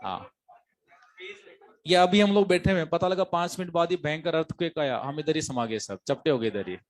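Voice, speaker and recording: A man's voice: on the high side, a little fast. A man teaching biology to exam students, an emphatic lecturer who repeats key phrases and quizzes his class.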